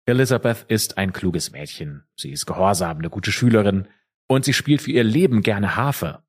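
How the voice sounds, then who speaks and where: A man's voice: on the low side, animated, normal speed. A man co-hosting a true crime podcast, telling the case in an easygoing storytelling way with casual asides. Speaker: podcast co-host.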